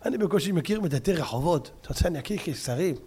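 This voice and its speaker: A humble, courteous rabbi, acted by a man within his sermon. He addresses the emperor with deference and sounds flustered and bewildered. His voice is high. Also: lively intonation, a little mellow, breathy edge. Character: humble elderly male rabbi, polite and bewildered.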